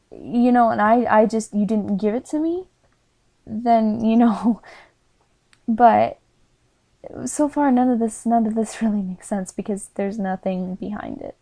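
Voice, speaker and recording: A woman giving a casual spoken review who talks quietly, hesitates often and keeps apologizing. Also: mid-range voice, no room sound. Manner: hesitant and apologetic, many fillers; speaking quietly. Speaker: character reviewer.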